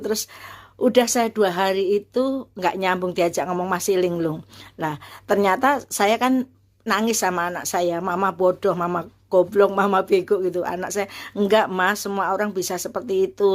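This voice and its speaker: Animated middle-aged woman telling a story. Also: medium pitch. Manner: animated, acts out quoted voices, many fillers and restarts. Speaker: university lecturer sharing a personal story. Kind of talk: casual personal storytelling.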